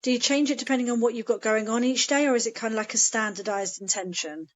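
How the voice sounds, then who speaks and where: A woman's voice: fairly high pitch, quick pace. A woman hosts a podcast, asking short, encouraging questions. Her voice comes through dull, muffled audio with little top end. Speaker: podcast host. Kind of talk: casual podcast chat.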